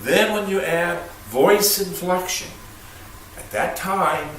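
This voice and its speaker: Male Torah teacher, earnest and halting; distant mic, very echoey room, faint hiss. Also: sits high, fairly bright tone. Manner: halting, repeats words, earnest. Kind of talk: informal Bible lesson.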